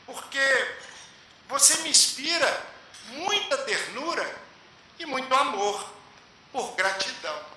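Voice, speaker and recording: A man voicing a gentle, grateful male spirit who pleads softly. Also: very high-pitched, sing-song, takes it slowly, pauses often, heavily acted. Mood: tender. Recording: echoey hall with faint hiss.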